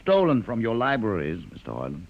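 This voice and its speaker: Proud mutant chief, deep husky voice, very formal and dry, old radio play w long echoey reverb. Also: male voice, huge pitch swings, full character voice. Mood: dry, commanding. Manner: formal, measured, dryly ironic. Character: courteous, shrewd male mutant leader, proud and patient. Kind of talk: 1950s radio drama acting. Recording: dull 1950s radio recording, long reverb.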